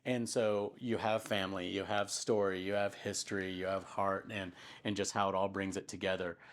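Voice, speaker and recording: A man's voice: sits low, flat delivery, moderate pace. A man interviewing a business owner during a casual tour, often affirming with yeah and okay.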